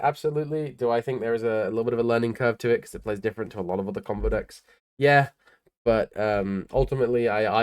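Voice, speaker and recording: Talking casually through his tournament card deck, a tired young man rambles along laid-back, filling gaps with plenty of ums and uhs. The voice is on the low side, a little mellow, with a clean tone.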